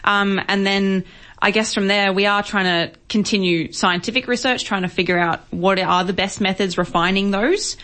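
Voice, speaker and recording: A woman's voice: medium pitch, fairly even intonation, normal speed, a bit bright. A young Australian woman speaking casually as a guest researcher in a radio interview. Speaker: guest researcher, PhD student.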